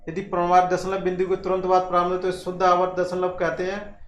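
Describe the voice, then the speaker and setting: A man's voice: high-pitched, completely flat delivery, brisk. A man teaching a lesson, with mixed in, often repeating points and asking questions he then answers himself. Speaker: maths teacher. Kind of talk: classroom maths lesson. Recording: echoey room with faint background hiss.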